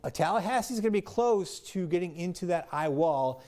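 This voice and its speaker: A man's voice: sits high, expressive, brisk, mellow. A man presenting live weather commentary, explaining things step by step in an unscripted way.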